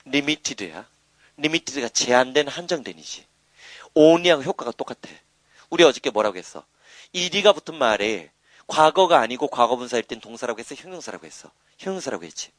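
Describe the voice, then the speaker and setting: Brisk and medium-pitched, with no echo, a man gives an animated live lecture on English grammar. He prods his students with a steady stream of rhetorical questions and tags, along with boastful asides.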